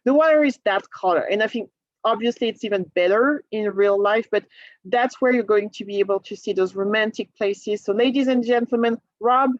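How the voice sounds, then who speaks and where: This is a native French speaker from France, a travel agent, presenting a cruise casually to a group in her French accent. Her medium-pitched voice is brisk, and she keeps laughing and restarting her words. The audio has no room sound and is muffled.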